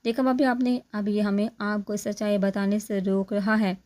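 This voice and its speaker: A woman's voice: mid-range voice, level tone, moderate pace, dark tone, natural voice. A woman voicing a talkative young man who keeps teasing his friends, in a chatty, joking manner.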